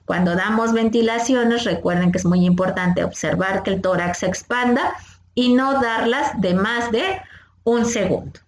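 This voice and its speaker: A woman's voice: on the high side, unhurried, reverberant, a little hiss or hum. Patient woman teaching kids first aid. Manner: patient, explains step by step, asks the kids questions. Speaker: first aid instructor for scout cubs. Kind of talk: teaching a children's class.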